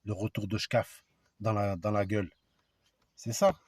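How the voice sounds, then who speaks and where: A man's voice: fairly low pitch, level tone, measured pace, slightly rough, no room sound, clean studio sound. A man giving an informal spoken lesson to viewers. He talks emphatically and provocatively, spells out letters and sounds one by one, and speaks straight to his audience. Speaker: video lecturer. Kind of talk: informal explanatory monologue to viewers.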